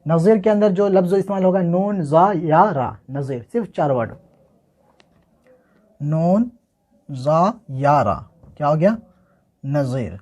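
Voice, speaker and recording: An expressive, darkish voice on the high side, slightly raised, belongs to an Urdu handwriting teacher from Bihar, India. In his casual writing lesson he spells words letter by letter, repeats them slowly many times, and poses and answers his own questions.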